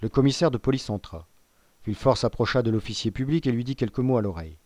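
A man narrates a classic novel in a composed, measured way, his voice sitting at an ordinary mid pitch. The recording is close and completely dry, with no room sound at all. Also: expressive, darkish tone, no echo. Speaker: audiobook reader. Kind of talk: scripted literary narration.

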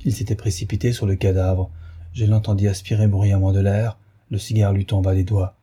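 Low, very dark male audiobook narrator. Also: moderate pace, breathy edge. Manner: steady, literary storytelling. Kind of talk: first-person scripted narration.

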